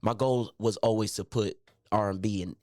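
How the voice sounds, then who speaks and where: Relaxed low-voiced man chatting. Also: normal speed, dry recording, studio quality. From Milwaukee, raised in Baltimore. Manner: relaxed, rambling, many fillers and restarts. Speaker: R&B singer, guest. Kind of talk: casual interview chat. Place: radio studio.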